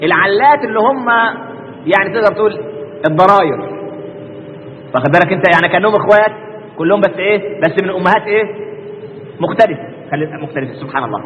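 A man's voice: sits high, lively intonation, rapid-fire, pauses often, in a large hall, muffled recording, slight background noise. A man with an Egyptian accent preaching a colloquial religious lesson, constantly posing rhetorical questions and answering them himself. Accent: Egyptian Arabic.

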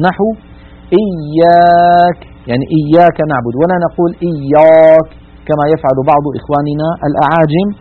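A man with a slightly high, husky voice teaches recitation rules on a broadcast lesson. He is methodical and draws out his example words slowly. The sound is thin and narrow, like an old radio feed.

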